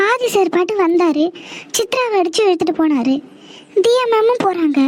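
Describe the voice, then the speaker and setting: A woman's voice: extremely high pitch, expressive, moderate pace. A woman voicing a polite, puzzled young office assistant in a cartoon. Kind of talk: cartoon voice acting.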